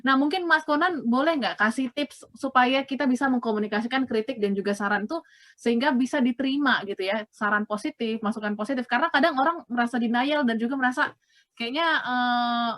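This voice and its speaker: A woman's voice: a little high, a little fast, a bit bright. A woman hosting a radio talk show and prompting her guest with questions. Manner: friendly interviewer prompting guest. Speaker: radio host.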